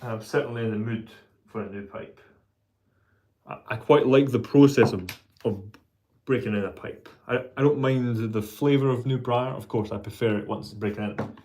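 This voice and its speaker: A man chatting casually as a pipe maker on his vlog, thinking aloud in a halting way and repeating words. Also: medium pitch, mellow. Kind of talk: casual, rambling hobby vlog chat.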